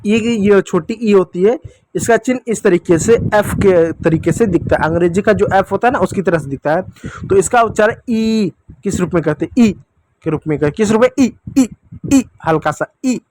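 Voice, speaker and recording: A man teaching a Hindi alphabet lesson to children, patiently repeating each sound slowly for them to copy. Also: sits high, darkish tone, a little hiss or hum.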